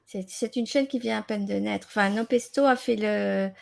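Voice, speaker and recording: A woman hosting a casual open-line radio show, speaking haltingly and repeating words as she searches for them. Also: mid-range voice, gravelly. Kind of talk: casual live chat.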